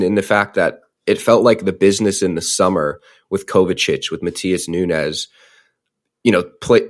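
A young man co-hosting a casual football podcast, talking through tactics analytically and playing devil's advocate. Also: low-pitched. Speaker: podcast co-host.

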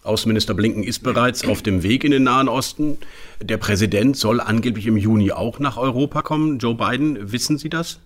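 A man's voice: mid-range voice, fairly quick. A male interviewer posing probing, conversational questions to a politician.

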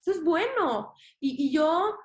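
Her voice is extremely high and expressive, and she takes her time speaking. This young Mexican-accented woman is a podcast guest chatting casually and emphatically in an interview, using slang and sometimes swearing, with roomy echo in the audio.

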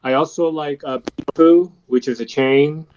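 A man's voice: on the high side, fairly even intonation, unhurried, darkish tone. A man being interviewed remotely, talking hesitantly while his audio buffers, stutters and drops out. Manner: hesitant, many fillers and restarts. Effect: buffering stutter, audio skipping and dropping out. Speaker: actor guest. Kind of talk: interview over a video call. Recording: lo-fi video call audio.

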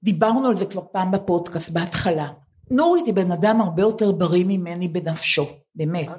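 A woman's voice: fairly low pitch, darkish tone. A woman in her seventies, co-hosting a podcast, tells stories in a wry, teasing way, recorded in front of a live audience of residents. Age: 70s. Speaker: podcast co-host. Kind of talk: comic storytelling chat.

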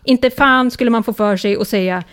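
A woman's voice: on the high side, a bit bright, smooth. A woman hosting a casual podcast, reading out listener messages with sarcasm and frequent swearing. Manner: sarcastic, swears freely, laughs often. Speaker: podcast host.

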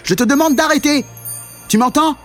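A man voicing an excitable little boy in a storybook reading, with shrill, insistent exclamations. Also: fast talker, husky, faint music behind. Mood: furious.

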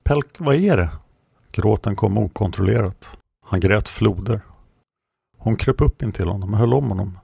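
A man reads an audiobook chapter in a measured, somber way. His voice sits low with a gravelly edge, recorded close with no room sound. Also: fairly even intonation, warm tone, no room sound. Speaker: audiobook narrator. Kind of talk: scripted narration.

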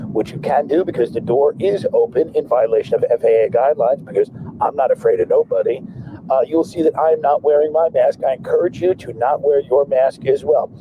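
A man doing a deadpan airline captain on the cabin PA, loose announcer drawl, engine rumble and noise behind the clip. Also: a little fast, highs cut off. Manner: calm pilot announcement drawl with frequent uhs. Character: male airline captain ranting over cabin PA. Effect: pilot over the plane's PA. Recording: noisy clip with vehicle rumble.

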